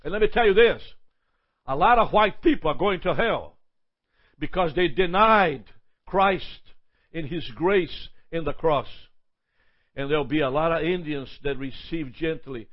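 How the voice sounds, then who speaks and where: A man's voice: fairly high pitch, unhurried, lo-fi sound. A man preaching a sermon, listing points emphatically, often stumbling and repeating words.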